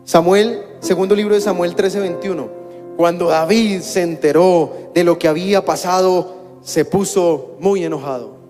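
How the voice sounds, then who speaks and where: A high-pitched man preaching a sermon, mixing plain talk with dry jokes at his own expense. His voice carries a long hall echo, and soft music plays faintly behind him. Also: moderate pace. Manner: conversational preaching with wry humor. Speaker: pastor.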